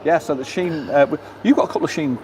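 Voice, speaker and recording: A man's voice: on the high side, fast, a little mellow, a little hiss or hum. A man hosting a casual live stream outdoors, chatting away and reading viewer comments aloud. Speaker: vlogger and live-stream host. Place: outdoors in a seaside town, then a lounge bar.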